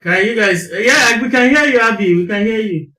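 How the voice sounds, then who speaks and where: A man in a casual live-stream chat, pitched high with a bright, forceful edge. An echo from a second device trails his short replies, and he sounds set back from the mic. He keeps his answers quick and reassuring.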